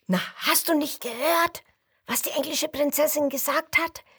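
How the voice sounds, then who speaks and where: A woman doing an excitable high Kasper. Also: moderate pace. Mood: alarmed. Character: excitable boy puppet Kasper, high and jumpy.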